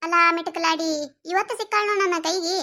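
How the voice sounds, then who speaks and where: A woman with a North Karnataka Kannada accent voicing a loud, quarrelsome village woman in a cartoon, taunting a neighbour over a debt. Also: steady tone. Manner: scolding, taunting, fast and shrill. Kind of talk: cartoon voice acting.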